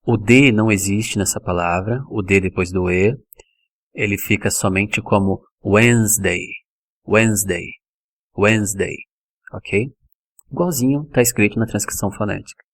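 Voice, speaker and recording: A man from Brazil teaching English pronunciation in a video lesson, explaining patiently and repeating each word slowly so it can be copied. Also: lowish voice.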